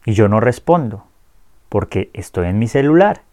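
A man teaching a lesson, speaking clearly and slowly modeling pronunciation for learners to repeat. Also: on the low side, very animated, mellow, no room sound. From Colombia. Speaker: Spanish teacher. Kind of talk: language lesson.

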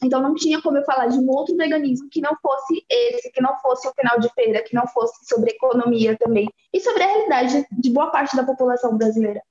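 This activist podcast guest, a woman in her twenties from Bahia with a Bahian Portuguese accent, talks fast with hardly any pauses in a high, darkish voice. She chats casually and laughs easily in a casual interview; the recording sounds roomy, with the highs cut off.

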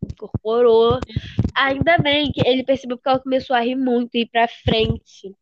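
A young woman, telling embarrassing stories in animated casual chat and acting out the quotes. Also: sits high, moderate pace, noisy background. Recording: dull lo-fi dry sound.

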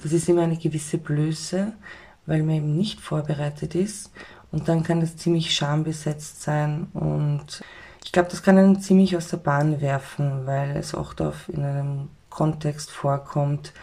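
A woman's voice: low voice, vocal fry, mellow. A Viennese woman in her forties, a podcast guest who gives thoughtful, lengthy answers. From Vienna, Austria. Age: 40s. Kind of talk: conversational interview answers.

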